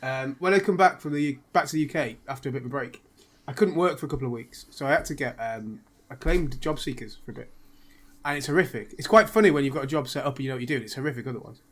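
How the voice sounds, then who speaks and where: A man's voice: medium pitch, expressive, fast talker, a bit bright. Rambling, self-deprecating man. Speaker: podcast co-host. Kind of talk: casual chat.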